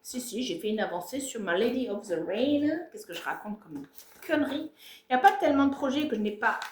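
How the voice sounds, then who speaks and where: A woman's voice: on the high side, animated, brisk, reverberant. A woman presenting her cross-stitch projects in a casual, self-mocking home vlog, full of fillers and asides, filmed on a tripod. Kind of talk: casual show-and-tell vlog. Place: home, filming herself on a tripod. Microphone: tablet or camera on a tripod.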